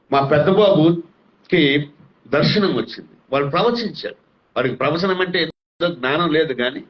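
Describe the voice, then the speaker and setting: Middle-aged male pastor, earnest and fervent in his testimony, slightly high voice, muffled lo-fi sound. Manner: earnest, rising fervor, tearful. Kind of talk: emotional testimony. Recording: dull lo-fi sound.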